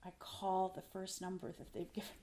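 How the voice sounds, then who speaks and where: A woman's voice: mid-range voice, completely flat delivery, moderate pace, warm tone. Older woman, guest, casual interview; earnest heartfelt storyteller, mid-range voice, short phrases. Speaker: podcast guest.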